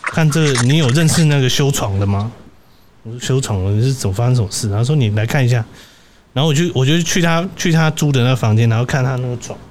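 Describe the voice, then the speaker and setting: A man's voice: medium pitch, quick pace, darkish tone. A young man hosting a podcast, telling college stories in a rambling, restarting way. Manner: rambling, many restarts and tag questions, laughs often. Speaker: podcast host. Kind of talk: casual storytelling chat.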